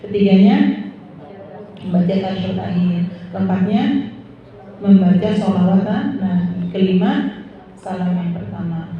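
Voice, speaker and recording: A woman religious teacher, giving a lesson to women, asking questions and drawing out recited phrases slowly. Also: medium pitch. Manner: drawn-out demonstrative recitation, asks the audience questions. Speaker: Islamic teacher. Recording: distant echoey hall, dull lo-fi sound.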